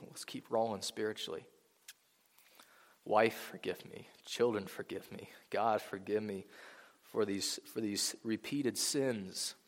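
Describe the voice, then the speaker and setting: A man preaching a sermon to a congregation in a church, earnest and swelling to emphatic peaks. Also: mid-range voice. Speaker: pastor. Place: church sanctuary before a congregation. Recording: long reverb of a large hall.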